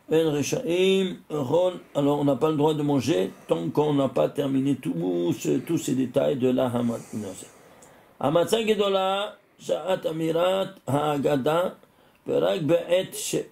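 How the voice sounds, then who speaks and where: Slightly high-pitched with vocal fry, a rabbi teaches a religious lesson in a lively manner. Rhetorical questions keep his listeners engaged, and he frequently starts over and repeats himself.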